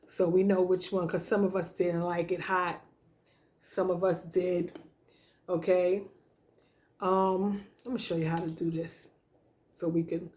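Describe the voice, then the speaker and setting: A woman around sixty chatting casually while she eats, telling homey stories slowly with plenty of fillers. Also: mid-range voice, a little mellow. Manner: slow, homey storytelling with fillers. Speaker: vlog host. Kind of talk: casual chat while eating.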